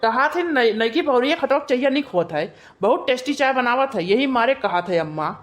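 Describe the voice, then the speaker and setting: A soft-hearted young husband in a cartoon, voiced by a woman, pleading and wheedling with pet names. The voice sits fairly high for a man. He sounds eager to please and never firm. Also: animated, brisk. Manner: pleading, sweet-talking, wheedling. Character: meek young village husband, pleading and coaxing. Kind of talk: cartoon voice acting.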